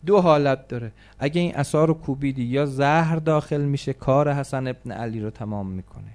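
Man, sermon, dramatic storytelling, loud cries and hushed stretches, acted-out voices. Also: medium pitch. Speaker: preacher.

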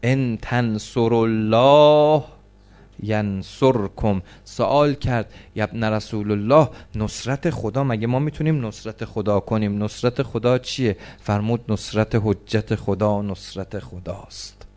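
Male preacher, mourning sermon, lamenting recitation, impassioned, mid-pitched voice. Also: a little mellow, clean tone.

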